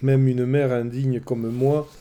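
A man reading a storybook, voicing a beautiful woman who speaks softly and wearily. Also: medium pitch, little pitch movement, slow, close to an everyday voice. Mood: regretful. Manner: soft, weary. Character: beautiful woman, weary and regretful.

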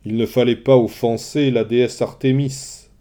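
A man's voice: medium pitch, measured pace, mellow, natural voice. A man voicing a dry, stern old male seer who speaks in curt pronouncements in a storybook reading.

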